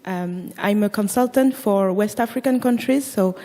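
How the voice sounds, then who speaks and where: Mellow-voiced woman consultant, hall reverb. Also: mid-range voice, normal speed. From Senegal. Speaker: investment consultant. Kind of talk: conference self-introduction. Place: large conference hall stage.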